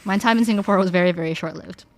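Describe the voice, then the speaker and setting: This young Canadian woman speaks very fast in a fairly low voice while chatting animatedly and casually with her stream viewers. She fills her speech with "like" and restarts sentences often.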